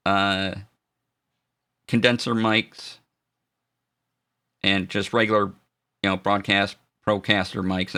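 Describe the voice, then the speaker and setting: On a studio dynamic mic, a man with a low voice walks through audio equipment in a laid-back live-stream demo. His delivery halts often, packed with fillers and false starts, and he warmly welcomes viewers in the chat.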